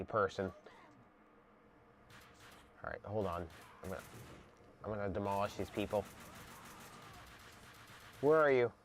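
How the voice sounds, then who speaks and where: A man's voice: on the low side, a little hiss or hum. A young man live-streaming a game, frustrated and swearing while talking to his chat.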